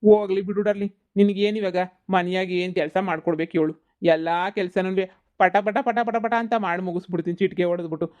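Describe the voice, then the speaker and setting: A woman's voice: on the low side, steady tone, brisk, darkish tone, lightly acted. A woman doing a sweet-talking village suitor. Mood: coaxing. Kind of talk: cartoon comedy voice acting.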